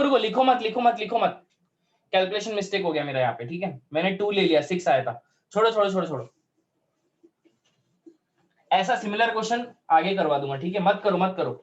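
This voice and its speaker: A male math teacher explains a problem step by step, often checking that the class is following. His voice sits a little high for a man and slows almost to dictation speed when he reads out formulas. The recording sounds slightly muffled. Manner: talks through steps aloud, checks in with students often. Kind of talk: whiteboard math lesson.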